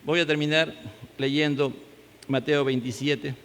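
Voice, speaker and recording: A male pastor with a Peruvian accent preaching a fervent sermon, swinging from loud emphatic peaks to low prayer. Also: steady tone, unhurried, clear, resonant tone. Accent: Peruvian Spanish. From Peru. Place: church hall. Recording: church hall with long reverb.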